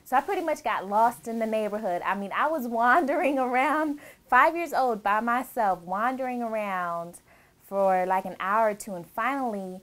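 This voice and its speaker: Her voice sits fairly high and sounds a bit bright, animated, and normal in pace. She's a woman in her thirties, raised in Germany and soon to be married, giving chatty, relaxed interview answers about her childhood with lots of laughter and filler words.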